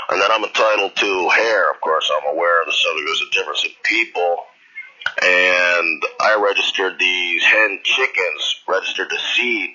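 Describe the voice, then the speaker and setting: A man's voice: deep voice, sharp tone, slightly rough. An older man leaving a long, rambling, disjointed answering machine message, repeating himself. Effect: answering machine message recording. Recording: muffled lo-fi answering machine tape.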